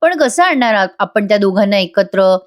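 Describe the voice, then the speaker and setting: A woman's voice: medium pitch, expressive, moderate pace, lightly acted. A woman voicing an easygoing young husband in a serial recap, lighthearted and teasing.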